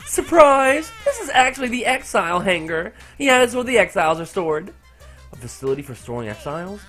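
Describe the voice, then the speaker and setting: A man's voice: high voice, very animated, brisk, fairly bright tone, faint music behind, voice pushed up. A man voicing a mischievous male robot bear who taunts the players in a video game, with a sing-song, teasing delivery. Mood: gleeful.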